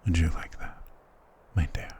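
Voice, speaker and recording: A man with a darkish voice and moderate pace, lightly acted, portrays a doting, dominant vampire lord in an intimate ASMR roleplay. His speech is tender, possessive, and seductive, laced with formal endearments.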